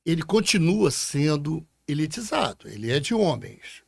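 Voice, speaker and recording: A man co-hosts with an earnest tone, often stumbling and restarting his sentences. His voice is a little high for a man, and the dry sound places him close to the mic. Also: sing-song, normal speed, creaky, breathy edge, no echo. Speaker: podcast host. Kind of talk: casual podcast conversation.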